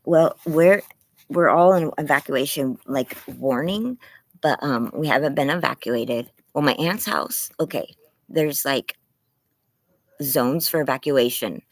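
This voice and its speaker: An anxious livestreamer of medium pitch rambles casually through a face mask, so the words come out muffled. The throat sounds tired and strained, the manner is apologetic, and the sound is dry, with no room echo. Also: measured pace. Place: outdoors in a yard.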